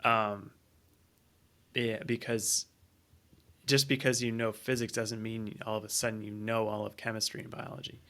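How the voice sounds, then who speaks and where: Bright-voiced, hesitant male researcher guest. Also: fairly low pitch, little pitch movement, moderate pace, long pauses. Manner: thoughtful, hesitant, many ums. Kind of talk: casual interview conversation.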